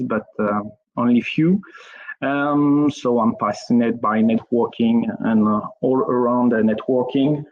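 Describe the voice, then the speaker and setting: Hesitant man with a French accent. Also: medium pitch. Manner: hesitant, many fillers, apologetic. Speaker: network engineer presenting at a conference. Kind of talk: technical presentation. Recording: dull lo-fi sound.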